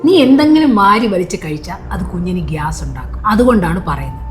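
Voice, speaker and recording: A woman's voice: fairly low pitch, very animated, fast. Lady playing a nagging middle-aged mother-in-law, bossy and scolding, music in the background. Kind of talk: short film drama.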